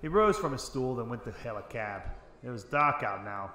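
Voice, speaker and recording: A man plays a gruff, hard-boiled 1940s private detective in a noir radio drama, tough-talking, wry and threatening, trading clipped, slangy wisecracks in brooding narration. His voice is medium-pitched and sharp, with lively intonation at a moderate pace. He is recorded on a close desk microphone with a headset.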